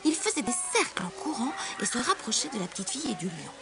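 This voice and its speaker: Expressive woman narrating a storybook. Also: a little high, fast, loud music behind the voice. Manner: expressive, hushed at tense moments. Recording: hissy old storybook recording.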